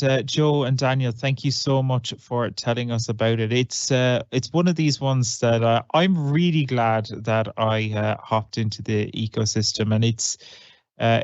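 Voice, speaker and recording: Host: man, mid pitch, upbeat, dry lo-fi podcast audio. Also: no echo. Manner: upbeat, friendly, conversational. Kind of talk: podcast hosting and interviewing. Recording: dry, slightly dull lo-fi sound.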